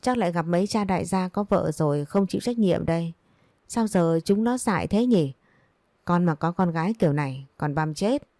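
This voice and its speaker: A spiteful young nurse gossips in a snide tone, as a woman narrator puts her on. The voice is low and dark. It sounds dry and close. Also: lively intonation, normal speed, dry recording.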